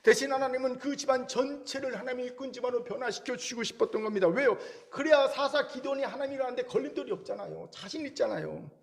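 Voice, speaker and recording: High-voiced Korean pastor preaching. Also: male voice, fast talker, creaky, few pauses. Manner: conversational, rhetorical questions, joking asides. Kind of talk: sermon. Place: church sanctuary.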